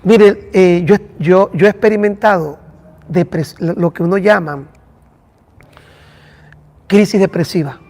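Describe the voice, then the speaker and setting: High-voiced pastor in echoing hall. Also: male voice, takes it slowly, long pauses, darkish tone. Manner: addresses listeners by name, conversational. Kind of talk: church class teaching.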